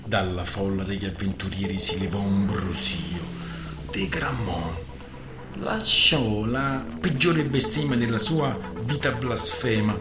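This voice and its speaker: A man's voice: on the low side, takes it slowly. A man giving a theatrical radio reading of a novel. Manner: theatrical narration. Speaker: radio reader. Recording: roomy with music behind.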